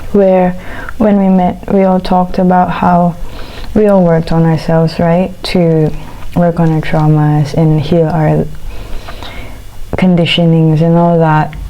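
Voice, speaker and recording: A woman chewing while talking, in a casual, reflective eat-with-me chat, speaking haltingly in short phrases. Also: sits low, warm tone, low-quality recording. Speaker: vlogger.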